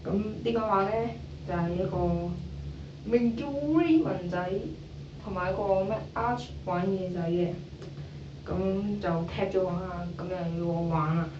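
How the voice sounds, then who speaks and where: Slow hong kong cantonese vlogger chatting casually, kinda halting, muffled and far from the mic. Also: medium pitch. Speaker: YouTuber host. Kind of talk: casual vlog, ice bucket challenge. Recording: muffled, echoey, noisy, distant mic.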